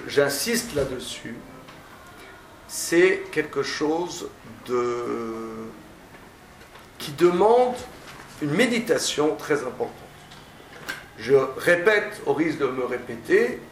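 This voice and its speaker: A male teacher giving a classroom lecture, often stammering and restarting, stressing points with drawn-out phrasing. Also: fairly high pitch, a bit bright. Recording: echoey room, distant mic, faint noise.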